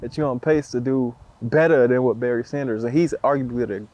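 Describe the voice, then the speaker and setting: A man's voice: medium pitch, steady tone, fairly quick, darkish tone, muffled recording. Slangy frat-bro man hosting a podcast. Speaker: podcast host and interviewer. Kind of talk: casual hype interview chat.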